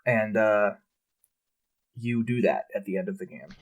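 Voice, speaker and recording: Laid-back lower-voiced man chatting. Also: measured pace. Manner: relaxed, swears freely. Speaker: podcast co-host. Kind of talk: casual chat.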